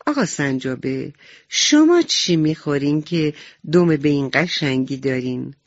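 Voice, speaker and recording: A woman's voice: deep voice, expressive, no room sound, muffled recording. Woman doing an eager little frog. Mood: awed. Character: small playful male frog, eager and restless.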